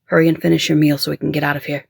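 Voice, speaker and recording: An audiobook reader voicing a terse, protective male bodyguard who murmurs orders and barks them under fire, with a slightly gravelly edge. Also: little pitch movement, very fast, no echo, clean studio sound, full character voice. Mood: tense. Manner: low murmured orders, barking in danger. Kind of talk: audiobook dialogue.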